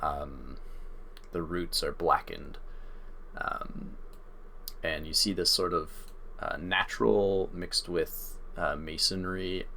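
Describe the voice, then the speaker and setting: Man as dungeon master, very low and bright-toned, unhurried descriptive narration. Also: fairly even intonation, gravelly, slight background noise. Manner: descriptive, easygoing, with hesitant fillers. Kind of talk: tabletop game narration.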